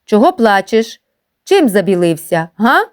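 A woman's voice: medium pitch, big pitch swings, measured pace. A woman voicing a stern male village schoolteacher who snaps harsh questions at a pupil in a storybook reading.

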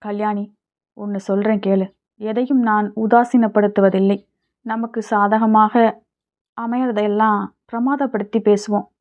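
A woman's voice: mid-range voice, fairly even intonation, measured pace, pauses often, natural voice. A woman voicing a grieving, strong-willed older widowed mother in an audiobook, speaking emotionally. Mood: calm, wise. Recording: tinny phone-like sound.

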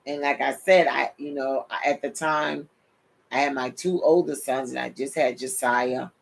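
With a creaky bass voice at a moderate pace, a middle-aged woman from New York, a preacher who hosts a show, gives a sermon-style testimony via webcam while seated in her home office desk chair. She speaks animatedly with a New York accent tinged with Caribbean touches, gestures with her hands and addresses listeners as "people". A little hiss or hum is audible.

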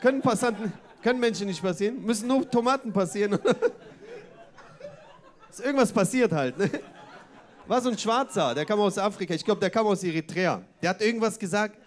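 A man's voice: high voice, brisk, a faint crowd. A man doing a stand-up comedy set on a club stage, chatty and full of wordplay and tag questions.

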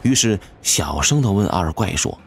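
A man narrating a first-person horror audiobook with an expressive, dramatic storytelling manner. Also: sits low, normal speed. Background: faint music.

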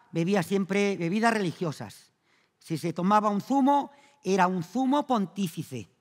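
A man from Spain doing a stand-up comedy monologue, acting out the people in his jokes with raised, louder voices. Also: high voice. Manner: acts out the joke characters in raised, louder voices. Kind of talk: comic monologue telling jokes. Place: theatre stage before an audience. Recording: long reverb of a theatre hall.

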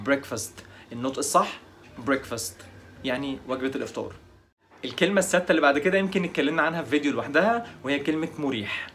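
A man's voice: on the high side, a bit bright, a little hiss or hum. Egyptian man drilling English pronunciation. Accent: Egyptian Arabic. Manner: repeats each English word slowly several times. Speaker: English teacher. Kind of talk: pronunciation lesson.

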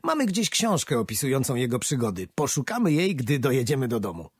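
A man voicing a cheerful, energetic old grandfather in a storybook, speaking heartily. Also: medium pitch, fairly quick, slightly rough, no echo, studio quality, voice pushed up. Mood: pleased. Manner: hearty, exclaiming, teasing.

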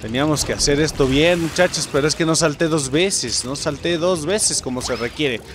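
A Mexican man doing let's play commentary, excitable, swearing and shouting at the game. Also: a little high, normal speed, background noise. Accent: Mexican Spanish. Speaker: gamer host.

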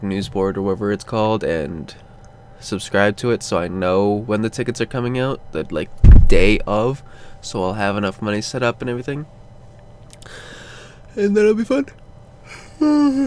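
A man's voice: deep voice, slight background noise. Sleepy young guy rambling in a vlog. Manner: drowsy and rambling, lots of ums and sighs. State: sleepy, just woke up. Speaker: vlogger. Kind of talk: casual update vlog. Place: cold room at home, under a blanket.

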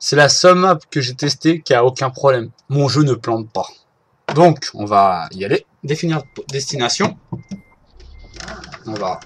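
A man giving casual, halting commentary while driving in a game, often stopping to correct himself. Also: mid-range voice, lively intonation, a bit bright, slight background noise. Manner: hesitant, halting, often restarts and apologizes. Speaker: gameplay video maker.

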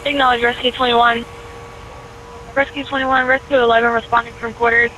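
A woman's voice: fairly high pitch, level tone, brisk, pushed and bright. A woman working as a fire dispatcher, calling out units and reading back messages in a clipped, procedural way. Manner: clipped, procedural read-backs. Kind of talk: scripted emergency dispatch radio calls. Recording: noisy radio dispatch recording.

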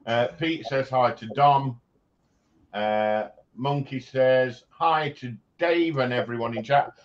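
A chatty, jokey man hosts a livestream, reading viewer comments in a mid-range voice at a slow pace and laughing often as he banters with chat. His audio comes through slightly dull, with faint noise behind it.

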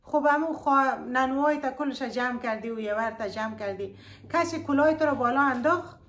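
Lady w afghan dari accent, pretty high voice, earnest advice vlog, keeps pleading with her viewers. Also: a bit bright. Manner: pleading, addresses listeners fondly. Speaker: YouTube storyteller giving advice.

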